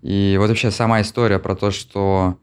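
A man in his forties from Russia, an interview guest who answers reflectively with many pauses and filler sounds. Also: lowish voice, little pitch movement, smooth. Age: 40s. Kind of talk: casual conversation.

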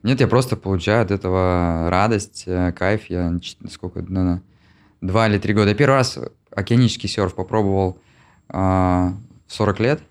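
A man in his forties from Russia, an interview guest who answers reflectively with many pauses and filler sounds. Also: sits low. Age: 40s. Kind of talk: casual conversation.

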